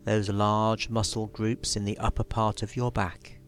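A man leading a guided relaxation in a soothing, measured way, leaving long pauses between instructions. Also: fairly low pitch, flat delivery. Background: music.

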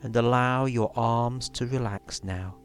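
A man leading a guided relaxation in a soothing, measured way, leaving long pauses between instructions. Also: medium pitch. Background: music.

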